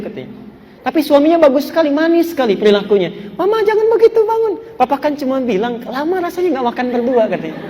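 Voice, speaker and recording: A high-pitched male preacher tells a story about married life and turns to his audience with questions. His voice rings with a long hall reverb. A faint ambience sits behind it. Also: a little mellow, slight background noise. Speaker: Islamic preacher. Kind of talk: sermon on married life with stories.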